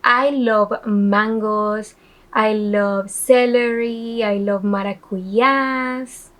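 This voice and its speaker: A woman's voice: mid-range voice, fairly even intonation, drawn-out words, a bit bright. A young woman from El Salvador, chatting upbeat and straight to the camera as she hosts a casual travel vlog from a couch indoors. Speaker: vlog host. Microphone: camera in front of her; handheld phone at arm's length while walking.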